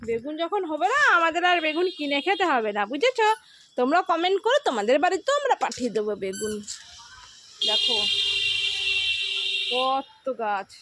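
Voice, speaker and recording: A woman's voice: sits high, sing-song, normal speed, pauses often, fairly bright tone. A woman recording a casual home vlog on a phone outdoors, showing viewers around and often asking them to look and answer questions. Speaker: vlogger. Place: outdoors on a home rooftop garden. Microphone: handheld phone. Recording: handheld phone recording with clear background noise.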